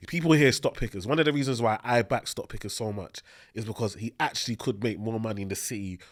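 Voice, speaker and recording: A man's voice: lowish voice, fast talker. A man with a London accent co-hosting a podcast in casual, informal and earnest chat. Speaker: podcast co-host.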